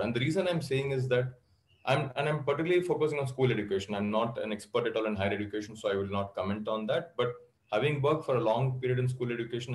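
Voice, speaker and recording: A middle-aged man speaking on an education panel, talking in a measured, deliberate way and pausing between phrases, heard over a video call. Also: medium pitch, darkish tone, roomy sound, rough recording. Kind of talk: panel discussion remarks.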